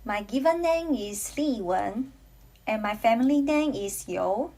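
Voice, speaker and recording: A woman from Taiwan with a Taiwanese accent, giving a language lesson in a deliberate, instructional way, phrase by phrase. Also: expressive, mellow. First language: Taiwanese Mandarin and Taiwanese dialect. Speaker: language teacher. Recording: clearly noisy recording with low rumble.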